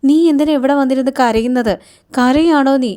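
A woman's voice: sits high, normal speed, warm tone, smooth, pitched above the performer's own voice, natural voice. A woman voicing a caring young married woman comforting her younger sister. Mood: tender. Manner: tender, comforting.

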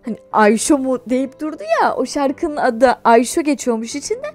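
A woman's voice: high-pitched, moderate pace, faint music behind. A young woman vlogging, chatting and laughing as she tells a personal story. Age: young adult. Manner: chatty, animated, laughs while telling. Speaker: YouTuber. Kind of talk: casual storytelling vlog.

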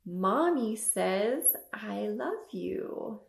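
Speaking extremely slowly at a medium pitch, a young woman reads picture books to toddlers in an expressive, creaky voice. As storytime host, she asks simple questions with exaggerated emphasis. She is in a small room at home, recorded on a webcam with roomy sound.

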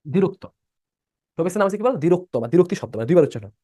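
A man's voice: sits high, expressive, rapid-fire, dark tone, no room sound, studio quality. A young man teaching a live online class. He repeats each rule and keeps quizzing his students with questions. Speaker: admission-prep teacher.

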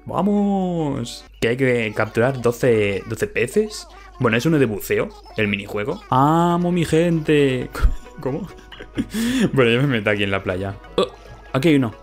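Young man, Spain Spanish accent, middle pitch, excitable let's-play chatter over faint music. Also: measured pace. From Valencian Community, Spain. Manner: excitable, laughs often, chatty. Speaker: gaming YouTuber. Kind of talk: casual let's-play commentary.

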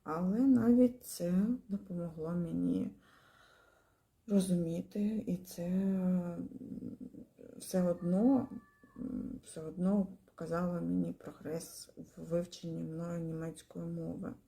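A woman giving a spoken testimonial about her language course, pausing often with fillers and restarting her words. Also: fairly low pitch, fairly even intonation, gravelly, warm tone. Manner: hesitant, many fillers and pauses.

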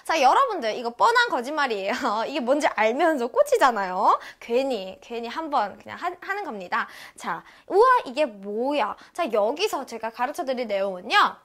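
Young woman, lively online language teacher, high and bubbly, plays out little scenes. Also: normal speed, few pauses. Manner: bubbly, playful, acts out short dialogue snippets.

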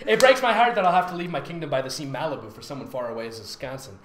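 This host, a voice actor leading a fanfic reading, mocks the text with theatrical sarcasm and plenty of giggles. The mid-range voice has lively intonation, a slightly bright tone, and a rapid-fire pace. The recording sounds roomy and echoey, with faint background noise.

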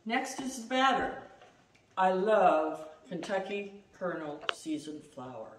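A middle-aged woman chatting casually as she demonstrates a recipe at home, self-deprecating and quick to laugh. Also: on the low side, big pitch swings. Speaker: home cooking host. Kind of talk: casual cooking demo. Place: home kitchen, indoors. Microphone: far camera. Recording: roomy, distant, noisy.

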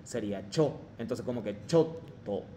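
A man teaching an online class, with halting phrasing and many fillers. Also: medium pitch, animated, dark tone, slight background noise. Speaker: Japanese teacher.

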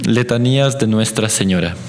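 A man with an Ecuadorian accent leading a recited rosary in a chapel, in a measured, even chant. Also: lowish voice. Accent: Ecuadorian Spanish. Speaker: prayer leader. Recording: long chapel reverb.

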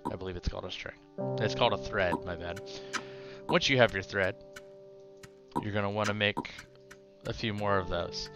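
A man casually narrating a game tutorial, explaining step by step with filler uhs and quick self-corrections. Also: fairly low pitch, fairly even intonation, over music.

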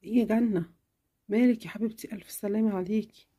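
A woman plays a caring cartoon mother with an Egyptian accent, gentle, affectionate and soothing, her voice lower than the child's, mellow and dark. Slightly rough and lightly acted, it turns firmer and quicker when she scolds.

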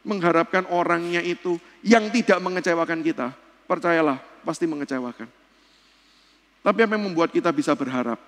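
Male pastor, sermon in a church hall, fairly high voice, bursts loud then drops hushed, lingering hall reverb. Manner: fiery preaching, swings from loud bursts to hushed lows. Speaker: pastor and seminar speaker.

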